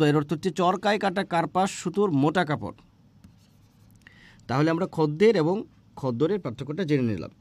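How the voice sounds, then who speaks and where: A man's voice: a little high, a little mellow, no echo. A man teaching an exam-prep grammar lesson, asking questions and answering them himself, with frequent hesitant fillers. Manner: explains slowly, with frequent "ah" fillers and restarts.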